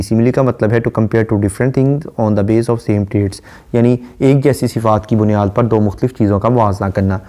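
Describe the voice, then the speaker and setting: A man giving a literature lecture, reading English verse lines slowly and explaining each one in Hindi-Urdu. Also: mid-range voice, a little mellow. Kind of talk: recorded lecture.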